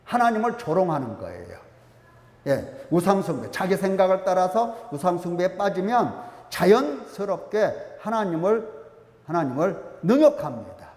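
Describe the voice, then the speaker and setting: A man's voice: high-pitched, big pitch swings, normal speed, darkish tone, echoey room, long reverb tail. A male pastor preaching a sermon with emphasis, often asking the congregation questions. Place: church sanctuary.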